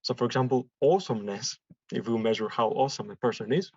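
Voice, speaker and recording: A man's voice: medium pitch, a little mellow, husky, dry recording. A man from Greece, giving a classroom statistics lecture and explaining step by step with examples. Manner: explains slowly with examples and repetition. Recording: dull dry lecture recording.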